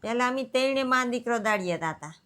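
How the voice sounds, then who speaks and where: Middle-aged village mother, higher voice. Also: lively intonation, brisk, fairly bright tone.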